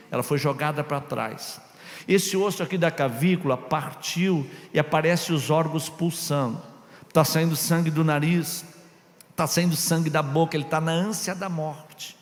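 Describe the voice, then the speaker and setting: A Brazilian pastor telling a story in a sermon, dramatic, swinging from shouts to hushed tones. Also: male voice, high-pitched. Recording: long reverb of a large hall.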